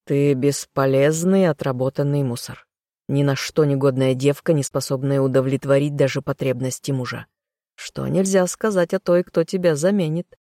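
A woman reading an audiobook, voicing a cold, sneering young nobleman husband with a low, growling, hushed delivery. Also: fairly even intonation, moderate pace, no room sound, clean studio sound.

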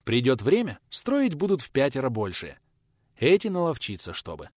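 A man voicing an older retired teacher, hoarse and weary from seasickness, explaining patiently. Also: mid-range voice, wildly swooping pitch, moderate pace, a little mellow, no echo, studio quality. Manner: hoarse, breathy, lecturing. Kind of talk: audiobook character voice.

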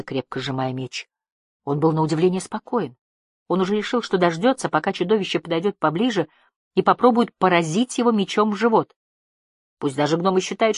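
An audiobook narrator reading a fantasy story in a steady, measured way. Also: medium pitch, husky, no echo, clean studio sound. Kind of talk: scripted narration.

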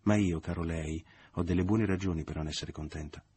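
A man's voice: extremely low pitch, fairly even intonation, a little fast, darkish tone, breathy edge, heavily acted. A man voicing a resentful, sarcastic middle-aged mother in an audiobook reading, speaking in a raised, wounded tone. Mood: bitter. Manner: resentful, theatrically dignified.

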